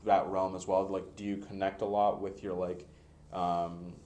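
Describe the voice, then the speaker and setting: A man with a very deep voice hosts a relaxed podcast conversation. He feels his way through his questions, with plenty of fillers and restarts along the way. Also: a little slow, slight background noise. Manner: searching, filler-heavy questioning. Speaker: podcast host. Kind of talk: casual interview chat.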